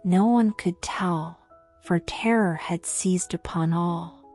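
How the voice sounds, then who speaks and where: A woman narrating a fairy tale for sleep in a soothing, measured manner that softens to a hush at the ends of phrases. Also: lowish voice. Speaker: storyteller. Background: music.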